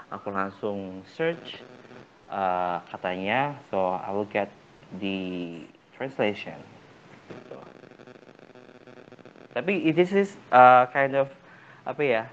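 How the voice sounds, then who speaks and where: A man's voice: fairly low pitch, a bit bright, highs cut off, a little hiss or hum. A young man with an Indonesian accent, a college student guest on a casual podcast, hesitant and mixing English with Indonesian among many fillers. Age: young adult.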